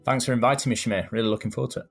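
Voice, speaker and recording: A man in his thirties with a Manchester accent, answering interview questions in a measured, explanatory way with frequent ums. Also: mid-range voice, steady tone, soft background music. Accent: Manchester English. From England. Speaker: guest.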